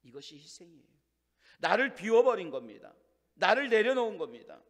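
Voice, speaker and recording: Pastor guy preaching, fairly high voice, goes loud then hushed, lots of questions, long hall echo. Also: sing-song, fairly quick. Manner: preaching with rhetorical questions, swings between loud emphasis and hushed lines. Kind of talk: sermon. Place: church sanctuary. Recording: long church hall reverb.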